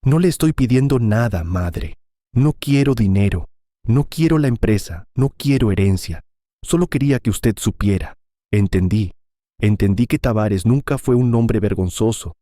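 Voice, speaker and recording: A man voicing a remorseful grown son who confesses his failings in a letter to his mother, read slowly and heavily as a scripted audio story. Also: lowish voice, animated, warm tone, no room sound, studio quality, natural voice.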